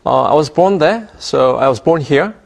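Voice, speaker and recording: A man's voice: fairly high pitch, animated, moderate pace, creaky. A man raised in Ghana answering interview questions thoughtfully, with hesitations and repeated words. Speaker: ambassador interviewee.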